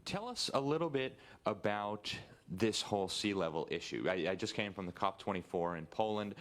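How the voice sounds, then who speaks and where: A man from the United States asking interview questions in a measured, earnest way. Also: fairly low pitch, lively intonation. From United States (Miami).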